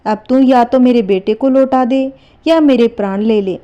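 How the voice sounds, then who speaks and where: A woman's voice: a little high, normal speed, lo-fi sound, close to an everyday voice. A woman voicing a devout elderly mother who pleads and wails over her lost son in a told folk tale. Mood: wailing. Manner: pleading, wailing lament. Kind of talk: storytelling narration.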